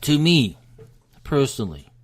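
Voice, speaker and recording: The American host of this one-man political commentary has a medium-pitched voice with a breathy edge, very animated yet a little slow. He rants in an emphatic, exasperated way and seems out of breath.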